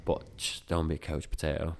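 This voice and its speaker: A man's voice: rumbling low, level tone, a little fast, vocal fry, a little mellow. A man who cannot pronounce his R's, saying w for r, chatting informally as a coach in an interview, rambling and peppered with filler words. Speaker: strength and conditioning coach being interviewed. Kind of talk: casual interview chat.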